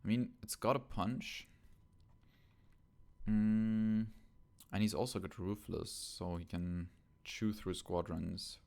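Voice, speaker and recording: A man co-hosting a casual podcast about a tabletop game, thinking aloud and hesitating with many ums, on rough home audio. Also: fairly low pitch, steady tone, slow, pauses often, warm tone. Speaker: podcast co-host.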